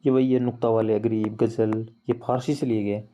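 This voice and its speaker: A man teaching Hindi grammar in a casual online lesson, explaining slowly and repeating examples as he addresses viewers as friends. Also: on the low side, level tone, dark tone, dull audio. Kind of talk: casual screen-share lesson.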